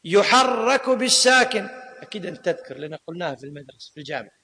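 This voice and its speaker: This Islamic law and grammar teacher has a high, sharp voice, very animated and rapid-fire, ringing with a lecture hall's long reverb. During the class he questions his students and reinforces key points by repeating them.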